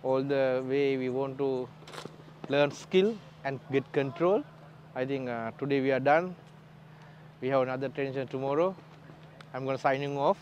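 This Sri Lankan coach guides bowlers at outdoor training nets, keeping his broken-English instructions short and direct and laughing a lot. His mid-range voice has a darkish tone, a moderate pace and long pauses. Captured on a clip-on mic, it sounds lo-fi with a little hiss or hum.

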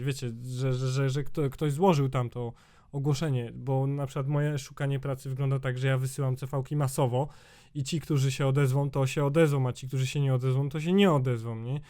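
A man's voice: medium pitch, fairly even intonation, a little fast, dark tone. A man in his twenties with a sore throat, ranting casually in a vlog, rambling with lots of fillers and swearing. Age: 20s. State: sore throat, slightly changed voice. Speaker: YouTuber.

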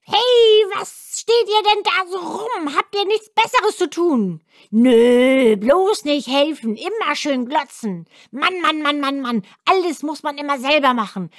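A woman voicing a rude, impatient ancient male dwarf in a children's storybook reading, yelling and scolding. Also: expressive, dry recording, clean studio sound. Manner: shrill yelling, scolding, rushed.

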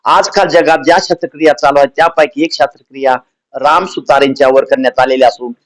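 A man's voice: medium pitch, steady tone, quick pace, natural voice, rough recording. A man voicing a mock-solemn male ghost newsreader in a comic parody of a radio bulletin.

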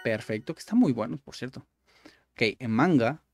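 A man's voice: medium pitch, animated, moderate pace, soft background music. A man giving casual gameplay commentary, repeating each word aloud and explaining it like a patient tutor. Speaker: gaming YouTuber.

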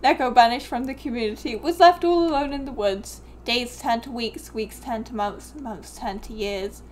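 A woman's voice: on the high side, moderate pace, slight background noise. A woman streamer narrating a story in a playful, joking way. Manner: giggly, joking.

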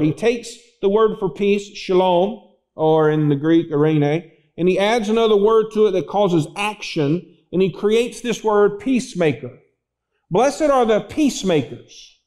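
High-voiced pastor preaching. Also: male voice, darkish tone, low-quality recording. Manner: storytelling, acts out voices in anecdotes. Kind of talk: sermon. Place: church.

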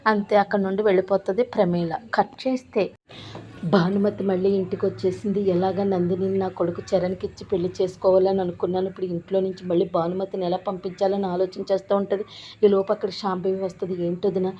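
A woman's voice: mid-range voice, little pitch movement, warm tone. Woman casually retelling a TV serial. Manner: chatty, running narration with quick quoted lines. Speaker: serial recap host. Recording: dull lo-fi with faint noise.

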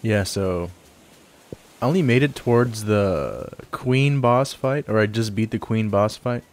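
A young adult game streamer gives laid-back, rambling let's play commentary, swearing casually and reading some of the dialogue aloud. His voice is lowish and expressive, with a measured pace.

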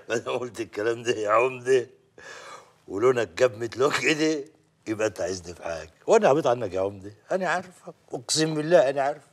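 An actor with an Egyptian accent playing a wry, knowing villager. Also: male voice, mid-range voice, lively intonation, fast, close to an everyday voice. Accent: Egyptian Arabic.

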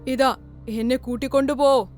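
A vengeful male ghost from a cartoon storybook, slow and menacing, his voice pitched low against a thin music bed, as a woman puts him on. He cackles and threatens in a drawn-out way. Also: fairly even intonation, darkish tone, lightly acted.

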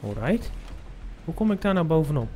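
Young Dutch-accented male streamer, fairly high, lively pitch, low mutters broken by sudden curses. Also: moderate pace. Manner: mutters to himself, swears often at sudden scares. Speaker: gamer streaming a playthrough. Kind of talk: live gameplay commentary. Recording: game music playing underneath.

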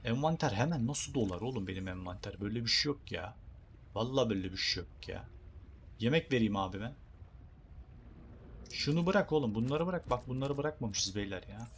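Animated and brisk, a young man with a medium-pitched voice gives casual let's play commentary, cracking jokes, using slang, and chatting to viewers and on-screen creatures. He's a gaming YouTuber, recorded with a little hiss or hum.

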